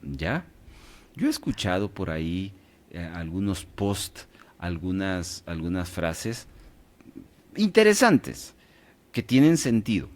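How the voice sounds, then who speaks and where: A man with a low voice leads a radio Bible class, his pitch swinging up and down as he quizzes his listeners. he keeps stopping to check that they are following before moving on. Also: very animated, slow, long pauses. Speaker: Bible study teacher.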